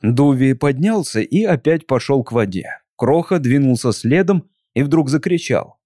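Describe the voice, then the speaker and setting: Man, audiobook narrator, mellow dark tone, measured storytelling, dry close sound. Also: mid-range voice, animated, no room sound. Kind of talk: audiobook reading.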